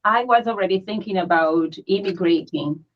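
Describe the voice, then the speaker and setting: A woman's voice: fairly low pitch, moderate pace. A woman from Brazil, with a Brazilian Portuguese accent, speaking as a guest in a casual interview, earnest and chatty, sometimes searching for words. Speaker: guest, founder of a pagan community. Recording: dull lo-fi audio.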